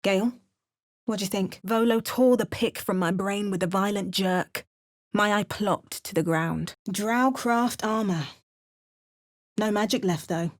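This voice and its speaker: Voicing the player character, a wry and resolute female adventurer in a video game, a woman narrates and makes dry, understated remarks. She has a medium pitch and a measured pace, close to her everyday voice.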